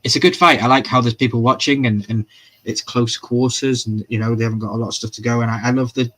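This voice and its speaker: A man's voice: mid-range voice, fairly even intonation, fast talker, fairly bright tone. A man hosting a casual live-stream recap, chatty and profane, reading viewers' comments aloud as he goes.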